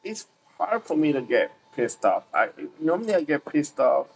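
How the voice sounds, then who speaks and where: A man from Puerto Rico hosting a casual podcast chat, relaxed and rambling, trailing off with fillers. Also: a little high, moderate pace, vocal fry, low-quality recording. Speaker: podcast host.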